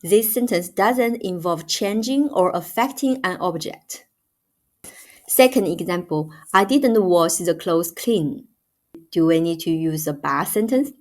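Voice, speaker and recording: A woman's voice: on the low side, expressive, unhurried. A woman giving a patient, emphatic grammar lesson as a language teacher, repeating each example.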